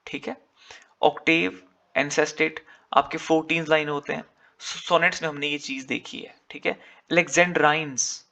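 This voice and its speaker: A man's voice: a little high, gravelly, sharp tone. A man with an Indian English accent teaching an exam-prep lecture, switching between Hindi and English and answering his own questions.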